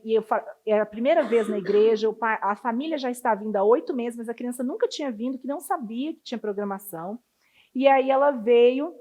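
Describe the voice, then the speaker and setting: A woman's voice: on the high side, darkish tone. A woman giving a casual training talk to children's ministry volunteers, chatty and full of anecdotes. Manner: chatty, storytelling, acts out children's voices.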